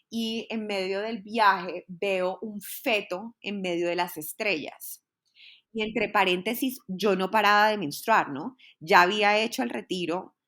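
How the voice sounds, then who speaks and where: A woman's voice: mid-range voice, fairly bright tone. A woman, a podcast guest telling a personal story in an earnest, heartfelt way, often repeating words.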